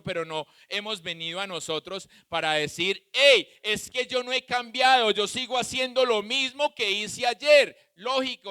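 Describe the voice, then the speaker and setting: A male pastor preaching a sermon with a Colombian Spanish accent, swinging between loud shouts and soft asides. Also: sits high, clear, resonant tone, no room sound.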